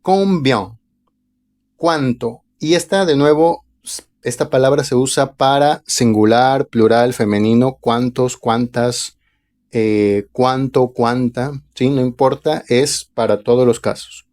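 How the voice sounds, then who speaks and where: A man teaching a language lesson online, reading example phrases slowly and carefully before explaining them. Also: mid-range voice, a little mellow. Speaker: French teacher.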